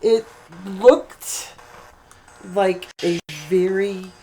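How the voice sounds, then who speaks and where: A woman's voice: mid-range voice, steady tone, extremely slow, mellow, soft background music. A woman casually recounting her experience in an informal group conversation after a paranormal session. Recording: noisy room recording with clicks.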